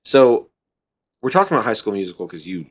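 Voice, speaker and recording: Low-voiced man, halting casual chat. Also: very animated. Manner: halting, full of restarts and fillers. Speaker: podcast co-host.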